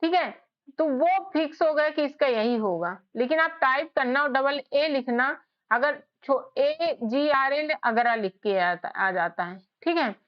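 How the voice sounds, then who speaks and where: A woman teaching English spelling in a casual lesson, explaining slowly letter by letter. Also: high voice, expressive. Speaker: English tutor. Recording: slightly dull lo-fi sound.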